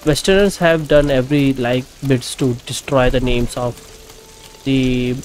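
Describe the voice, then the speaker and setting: A man's voice: medium pitch, steady tone, a little slow, a little mellow, slight background noise. A man from India with an Indian accent hosting a gaming channel, giving casual, hesitant commentary as he plays.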